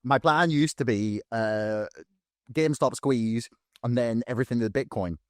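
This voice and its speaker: A man's voice: medium pitch, normal speed, no room sound, clean studio sound. A man hosting a podcast, talking in an earnest, reflective way in casual conversation. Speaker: podcast host.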